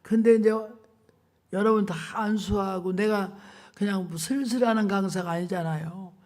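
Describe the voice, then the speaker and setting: A woman's voice: medium pitch, moderate pace, a little mellow. Older lady preacher telling her story at a revival, dramatic and emphatic, plain everyday talk. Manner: colloquial, emphatic. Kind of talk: sermon testimony.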